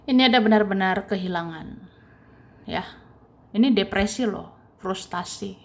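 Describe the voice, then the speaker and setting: Lady reading tarot cards, slow unhurried talk, chatty and repetitive, little laughs. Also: medium pitch, gravelly. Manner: chatty, repeats herself, ends phrases with soft tag words; light laughs between points. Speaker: tarot reader. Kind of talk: casual tarot reading monologue.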